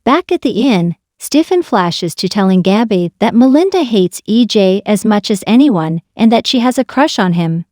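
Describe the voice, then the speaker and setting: A woman narrating a scripted recap of soap opera events in a flat, even reading. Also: mid-range voice, moderate pace, few pauses, no echo, clean studio sound.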